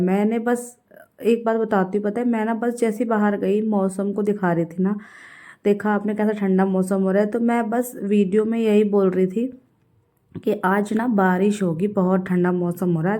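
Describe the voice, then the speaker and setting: A woman's voice: mid-range voice, warm tone. A woman in her thirties chatting casually to her viewers in a home vlog, mixing English words into her talk. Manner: chatty, addresses viewers directly; mixes English words into Hindi. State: unwell with fever. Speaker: vlogger.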